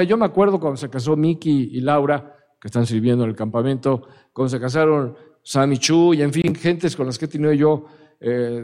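Pastor preaching in reverberant hall. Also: male voice, fairly high pitch. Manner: emphatic, asks the congregation questions. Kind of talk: sermon.

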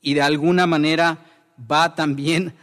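A man teaching a sermon through a Bible passage, slow and unhurried, with a voice pitched a little high. He often pauses to check in with his listeners. His voice carries a long reverb. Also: steady tone, a bit bright. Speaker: preacher.

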